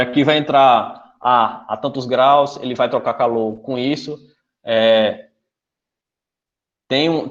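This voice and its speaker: A fairly high-voiced man with a Brazilian Portuguese accent walks listeners through a technical presentation. He talks in an explanatory way and keeps checking in with short tag questions. His voice comes through a video call with dull, lo-fi audio. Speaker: guest engineer presenter. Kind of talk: technical presentation in an online forum. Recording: muffled lo-fi online call audio.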